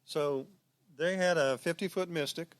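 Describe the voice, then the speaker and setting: A man who is a guest on the show tells relaxed, easygoing anecdotes in casual conversation. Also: fairly high pitch, unhurried, clear, resonant tone, no echo.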